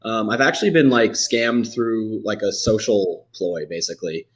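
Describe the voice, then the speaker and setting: A man's voice: lowish voice, animated, moderate pace. A man hosting a podcast, talking casually in a rambling way, full of "like" and "you know". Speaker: podcast host.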